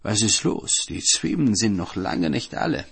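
A stern old-world judge who lectures and mocks, heard in a storybook folk tale, as a male narrator puts him on. The voice is gravelly and husky, with a lively rise and fall. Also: fairly low pitch, unhurried, exaggerated voice. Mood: mocking. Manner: lecturing, mocking.

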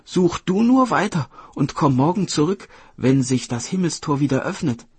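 A man voicing the elder fairy sisters in a storybook tale, hurried and bright. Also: on the high side, animated, husky, no room sound, pitched above the performer's own voice. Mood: urgent. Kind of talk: storybook narration.

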